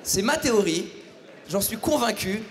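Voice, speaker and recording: Male stand-up, fairly high voice, ironic and playful, hall reverb with faint crowd. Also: animated, normal speed, noisy background. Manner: ironic, playful digs at the audience. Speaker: stand-up comedian. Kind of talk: stand-up routine. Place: theatre stage before a live audience.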